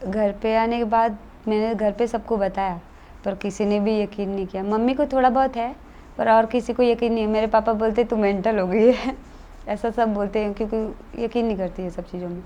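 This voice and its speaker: A woman's voice: medium pitch, steady tone, normal speed, mellow, slight background noise. A woman telling an interviewer about something that happened to her, in an earnest, matter-of-fact conversational way. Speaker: guest telling a true experience. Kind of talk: casual interview storytelling.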